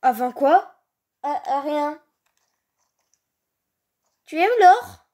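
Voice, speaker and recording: A woman's voice: sits high, expressive, drawn-out words, a little mellow, a little hiss or hum. A woman with a youthful voice doing improvised, slangy, exclamatory role-play over video game footage. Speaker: gaming video creator voicing characters. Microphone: handheld phone filming a screen.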